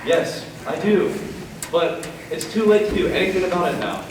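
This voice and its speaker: A young man acting in a school play portrays a weary, sarcastic middle-aged brother who placates while needling, his mood dry and resigned. His voice is a little high, at normal speed and lightly acted. It's live amateur stage comedy on a large indoor auditorium stage, captured from far off by a distant camera microphone, so it sounds echoey and noisy.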